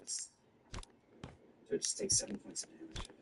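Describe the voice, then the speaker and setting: A man playing in a tabletop game, stating his moves in a matter-of-fact way. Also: slow pace. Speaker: player. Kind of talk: casual tabletop play. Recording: distant mic in a noisy room.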